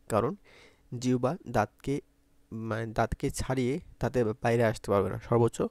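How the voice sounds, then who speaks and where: A man with a Bangladeshi Bengali accent teaches an exam-prep grammar lesson. His voice is gravelly and mellow, recorded dry and close. He keeps repeating points and asks pupils to say the sounds aloud. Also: mid-range voice, dry recording.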